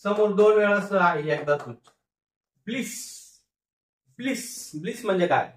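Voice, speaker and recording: A man teaching phonics, slowly sounding out words syllable by syllable and repeating each word. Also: sits high, lively intonation. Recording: echoey room, voice a bit far from mic.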